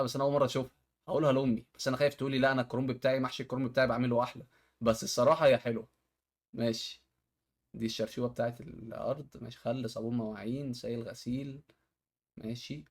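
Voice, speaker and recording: A man from Egypt with an Egyptian accent, reacting to home-hack videos in casual commentary and often exclaiming at the tricks. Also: mid-range voice. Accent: Egyptian Arabic.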